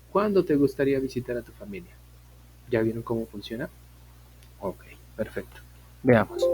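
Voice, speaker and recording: Mellow-voiced teacher explaining patiently. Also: male voice, medium pitch, slightly rough, poor audio. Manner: patient, repeats points, asks students questions. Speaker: online English teacher. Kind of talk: live online class explanation.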